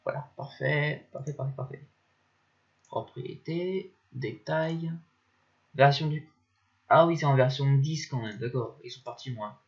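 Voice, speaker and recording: A young man talking casually through a screen-recorded tutorial, thinking aloud and muttering at the software as he goes. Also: medium pitch, a little slow, pauses often. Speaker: tutorial maker. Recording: dull lo-fi mic.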